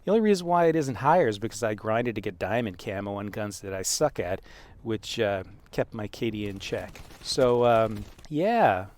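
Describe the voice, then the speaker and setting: A man's voice: fairly low pitch, expressive, darkish tone. Amused man telling a gamer story. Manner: amused, chuckling, halting with frequent asides. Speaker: gaming video creator. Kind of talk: casual storytelling commentary, reading out messages.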